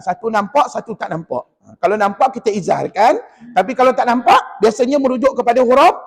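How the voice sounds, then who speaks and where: A Malaysian man with a Malay accent teaching a Quran recitation class in a mosque, quizzing his students in a lively way and chanting the verses slowly. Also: extremely high pitch. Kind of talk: classroom tajwid lesson. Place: mosque hall. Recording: long mosque reverb.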